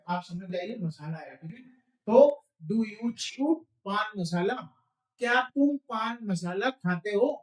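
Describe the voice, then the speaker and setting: A man teaching spoken English, drilling phrases slowly and quizzing the viewer. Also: sits high, echoey room, poor audio.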